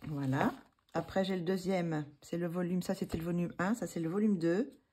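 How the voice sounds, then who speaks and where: A woman's voice: fairly low pitch, normal speed, background noise. A woman vlogger chatting casually about her coloring books, hesitating often with fillers and restarts. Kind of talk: casual chat.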